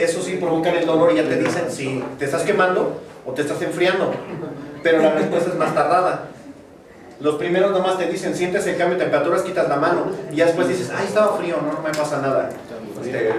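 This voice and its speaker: In a big lecture hall, a Mexican-accented man with a slightly high voice teaches university math, joking and chatting in between his explanations. The sound is noisy, echoey and far off, with students murmuring in the room.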